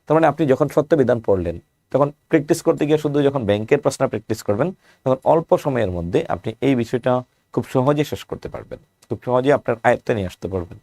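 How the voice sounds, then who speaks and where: Moving at a brisk clip, this Bangladeshi Bengali-accented teacher reviews past exam questions and tosses out rhetorical questions as he lectures. He has a warm, expressive, medium-pitched voice, captured close and dry without any room sound.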